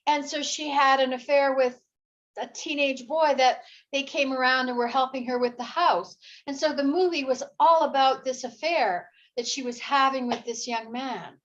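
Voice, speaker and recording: High-voiced hesitant woman on dull audio. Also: moderate pace, fairly bright tone. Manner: hesitant, reflective. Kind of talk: casual chat.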